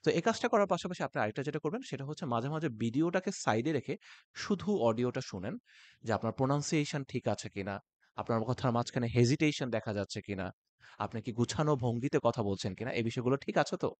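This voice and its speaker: Lively man teaching IELTS tips. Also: mid-range voice, quick pace, no room sound. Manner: animated, switches between Bengali and English phrases. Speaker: IELTS tutor. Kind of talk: instructional talk to camera.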